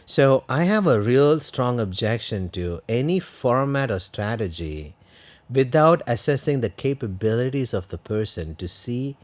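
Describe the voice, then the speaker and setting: A man's voice: medium pitch, big pitch swings, measured pace. A man co-hosting a podcast, explaining ideas earnestly and asking rhetorical questions. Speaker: podcast co-host.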